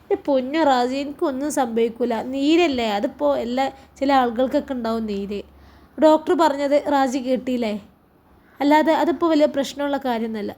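A woman voicing a cheerful young wife who gently coaxes her husband, in a Malappuram Malayalam accent. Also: high voice, fairly quick, natural voice. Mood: coaxing.

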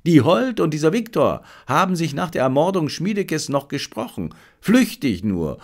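A man's voice: a little high, creaky, pitched above the performer's own voice. A male audiobook narrator voicing an intense, fired-up male detective who lectures his assistant urgently.

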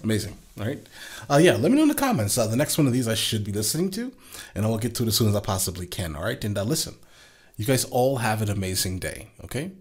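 Husky low-voiced man reacting to music. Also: sing-song, fast. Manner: chatty, keeps asking "right?" and "okay?"; enthusiastic, easily amazed. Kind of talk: casual reaction commentary. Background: song playing faintly under his talk.

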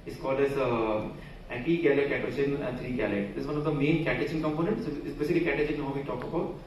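Speaking fast in a steady, darkish mid-range voice, a man with an Indian English accent gives a loose conference presentation at a podium, full of restarts and fillers. The podium mic is captured by a far camera in a large, echoey hall, with a little hiss or hum.

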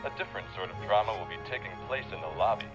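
Man doing 1940s newsreel announcer, low voice, fast and swooping, music bed. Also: lively intonation, natural voice. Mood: showy.

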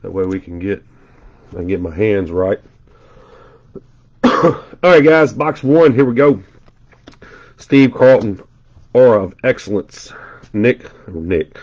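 Sitting at a table indoors, a congested man narrates live as he rips open trading card packs, listing player names and adding chatty side comments. His lowish, slightly mellow voice is animated but slow, with frequent pauses, and the audio sounds dull.

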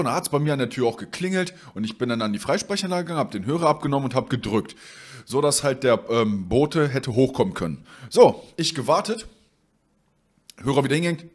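A man's voice: mid-range voice, husky. Man ranting to camera. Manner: retells dialogue with "ich so", acting out both sides. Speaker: vlogger. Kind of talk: casual storytelling rant.

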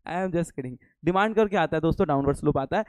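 A man's voice: a little high, fast, darkish tone, clear, resonant tone, dry recording. A young man teaching an online commerce class live, playful and teasing, quizzing students and answering his own questions, slipping English phrases into his talk. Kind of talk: live online lecture with jokes.

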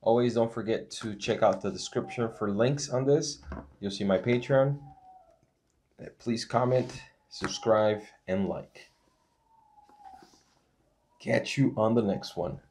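Man, thirties, casual unboxing vlog, low voice, unhurried, faint hiss and clicks. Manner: relaxed, reads titles off slowly with small asides. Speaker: channel host unboxing a disc set.

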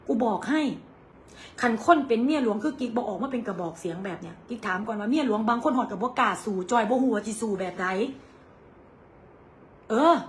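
A woman's voice: on the high side, a little hiss or hum. A young woman with an Isan Thai accent, bluntly scolding her rivals on a livestream in crude, angry words.

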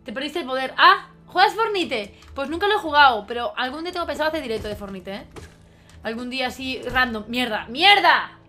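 A young woman from Spain commentates her gameplay live, with a bright, sharp, fairly high voice. She is excitable and exclamatory and swears freely. Faint game music plays behind her. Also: fast talker. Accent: Spain Spanish. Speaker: game streamer.

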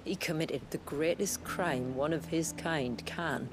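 In a video game cutscene, an actress plays a proud, solemn envoy of a hidden tribe, speaking formally, with poise and earnestness. Her voice is low-pitched and unhurried, and there is background noise.

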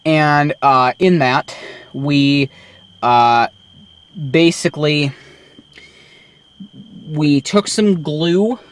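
A young vlogger casually shows off his car, filmed on a handheld camera's mic in and around the parked vehicle. His voice is smooth and on the high side, extremely slow with long pauses, and he rambles with many ums.

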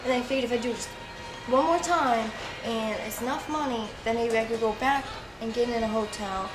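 Music plays in an echoey fast-food seating area where a woman in her twenties is interviewed on the street-interview format. Her voice is fairly high and a little quick. She shares her own story openly, rambling and emotional, cursing without restraint.

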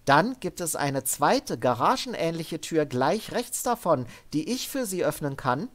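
Jittery young tech guy, hesitant, wants to help, voice pushed higher, reader putting him on. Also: very animated, unhurried, a bit bright, full character voice. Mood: nervous. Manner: hesitant, eager to please. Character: nervous young male technician, eager to help.

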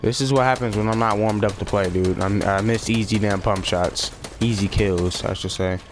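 A man's voice: on the low side, steady tone, moderate pace, noisy background. A young man casually commentating his own video game play, slangy and swearing when frustrated. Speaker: gaming YouTuber.

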